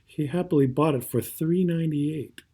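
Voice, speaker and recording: A man's voice: on the high side, moderate pace, mellow, breathy edge. A man reading a rhyming children's story aloud with theatrical, rhythmic phrasing and brief asides. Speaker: storybook reader.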